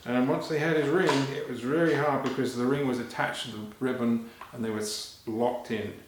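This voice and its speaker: A man performing a story live for children, animated and talking to them directly, halting and repeating phrases as he goes. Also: medium pitch. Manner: animated, addressing children with questions. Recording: very echoey, reverberant room.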